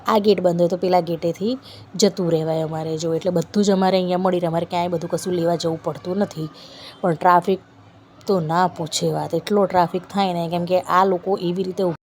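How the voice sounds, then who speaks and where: A woman in her thirties talks chattily to camera, a family vlogger telling homely stories. Her voice sits a little low. A phone mic picks her up over steady background noise from home and street. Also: fairly quick. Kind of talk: casual chat to camera. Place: at home, then outdoors by a busy street market. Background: rain, traffic and market noise.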